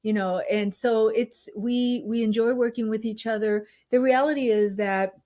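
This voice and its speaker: A woman's voice: a little high, steady tone, moderate pace, mellow. A middle-aged woman doctor co-hosting a podcast, talking in an earnest, reflective way with frequent restarts. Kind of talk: casual podcast chat.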